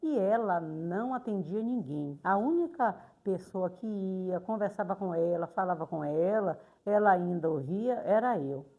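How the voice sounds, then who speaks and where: An older woman, a retired teacher slowly and reflectively recounting memories in a documentary interview, pausing often. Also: medium pitch, dark tone. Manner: slow, reflective, pauses often on "é".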